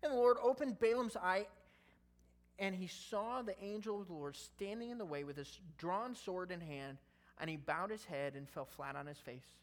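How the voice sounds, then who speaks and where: A man preaching a casual sermon, reading scripture aloud and breaking off into conversational, joking asides. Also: high voice. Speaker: pastor.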